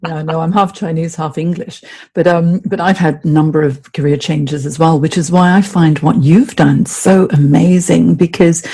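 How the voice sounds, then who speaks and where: A woman's voice: sits low, steady tone, moderate pace, dark tone, husky, no room sound. A woman from Hong Kong hosting an interview podcast, asking questions with effusive admiration. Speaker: host.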